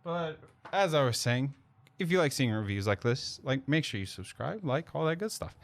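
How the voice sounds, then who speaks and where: A man's voice: medium pitch, big pitch swings, moderate pace, no echo. A man hosting a casual movie review podcast, rambling and self-correcting with lots of fillers. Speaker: podcast host.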